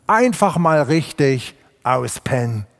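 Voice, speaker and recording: A man's voice: a little high, big pitch swings, takes it slowly, long reverb tail, voice pushed down, full character voice. A man voicing a lazy badger in a storybook fable, a badger who wants nothing but sleep. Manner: drowsy, lazy.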